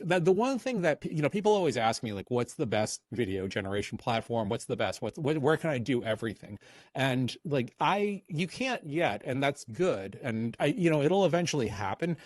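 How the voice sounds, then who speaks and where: A man's voice: medium pitch, no room sound. A man talking as a podcast guest in casual interview chat, rambling with many fillers and restarts.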